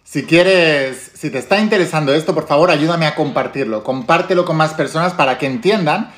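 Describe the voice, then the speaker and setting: Man, accent from Spain, somewhat high voice, emphatic talk to viewers, repeats key words. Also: a little fast, fairly bright tone. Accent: Spain Spanish. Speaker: spiritual self-help teacher.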